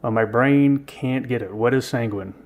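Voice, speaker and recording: A man's voice: mid-range voice, moderate pace, phone-quality sound. Joking fifty-year-old male co-host. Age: 50s. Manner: self-deprecating, joking. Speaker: podcast co-host. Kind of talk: casual podcast chat.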